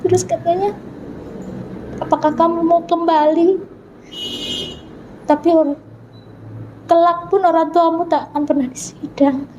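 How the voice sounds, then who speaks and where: A woman's voice: very high voice, steady tone, a little slow, long pauses, mellow, lo-fi sound, a little hiss or hum. A woman from North Sulawesi telling her personal story as a guest, earnestly acting out remembered dialogue. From North Sulawesi, Indonesia. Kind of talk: personal testimony in an interview.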